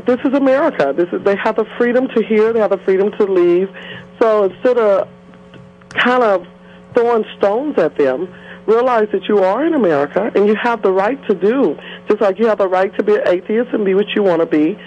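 A woman's voice: medium pitch, a little fast, a little hiss or hum. Radio show caller, woman, over a muffled phone line; preachy, keeps talking over the hosts. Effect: heard over a phone line. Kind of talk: phone-in call to a talk show.

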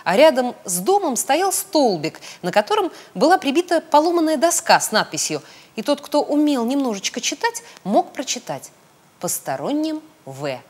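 A woman reading a children's storybook aloud, with expressive, sing-song storytelling. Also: high voice, normal speed. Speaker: storybook reader. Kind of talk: children's audiobook narration.

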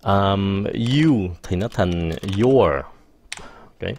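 A man's voice: low voice, darkish tone, slight background noise. A man teaching an English grammar lesson in a casual way, explaining patiently and often correcting himself. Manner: slow, explains patiently, frequent "ok" and self-corrections.

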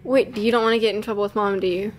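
A woman's voice: medium pitch, steady tone, quick pace. A young woman chatting casually, coaxing and humoring someone with short questions. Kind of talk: casual chat. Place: living room, indoors. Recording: noisy home video in living room.

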